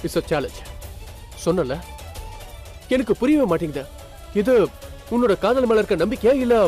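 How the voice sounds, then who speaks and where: Brief: a wounded, accusing young lover, high-pitched for a man, soft music under him. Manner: pleading then bitterly accusing, emphatic. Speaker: actor in a TV serial. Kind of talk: dubbed TV drama dialogue.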